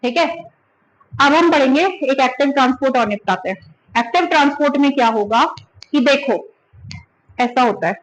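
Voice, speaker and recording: Woman teacher, high voice, scolds and teases, explains by everyday examples in a class lecture. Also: expressive, normal speed, pauses often, slight background noise, low-quality recording.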